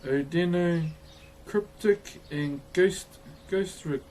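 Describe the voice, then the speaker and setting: Kiwi man chatting casually, higher-pitched voice. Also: slow, a little mellow, poor audio. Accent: broad Kiwi. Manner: laid-back, chummy slang, calls listeners bro. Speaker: livestreamer greeting viewers. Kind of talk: casual livestream chat. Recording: noticeable background noise.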